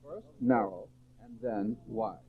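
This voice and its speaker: A man giving measured, scripted narration on an old training tape, his voice wobbling with the warble of wow and flutter. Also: on the low side. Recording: thin, phone-like old tape transfer.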